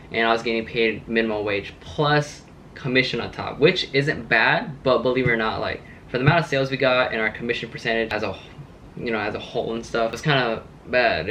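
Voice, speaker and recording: A medium-pitched, a bit bright male voice belongs to a car vlogger in his late twenties who casually rambles to viewers with many fillers. Slight background noise sits under the recording.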